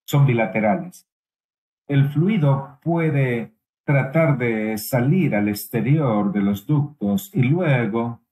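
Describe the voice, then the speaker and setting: A man giving a simultaneous interpretation of a medical lecture, halting at times with pauses, fillers and restarts. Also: mid-range voice, a little mellow, rough recording.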